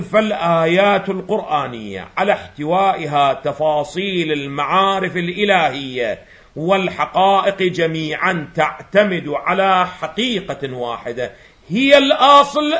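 A man's voice: on the high side, a bit bright. A man teaching a religious lecture to students. He asks rhetorical questions, answers them himself, and presses hard on his key points. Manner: emphatic, rising sharply on key points.

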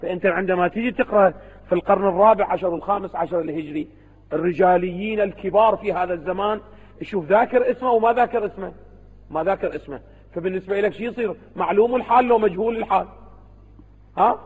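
Man, Iraqi Arabic accent, seminary lecture, rapid delivery, rhetorical questions, reverberant hall. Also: sits high, darkish tone, husky. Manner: keeps asking rhetorical questions and answering them himself. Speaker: religious scholar teaching students.

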